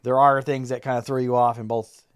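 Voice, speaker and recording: A man's voice: mid-range voice, flat delivery, fairly quick, clean tone, no room sound. Man theorizing casually, dry close sound. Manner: analytical, lays out his theories with frequent restarts. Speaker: podcast co-host. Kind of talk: casual chat about a movie.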